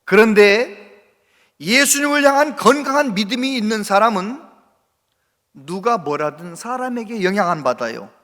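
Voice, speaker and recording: A man preaching a sermon as a pastor, impassioned and swinging between loud exhortation and hushed speech, often asking the congregation questions. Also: high-pitched, expressive, normal speed, in a large hall. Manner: asks the congregation questions and calls for replies. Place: church sanctuary with long reverb.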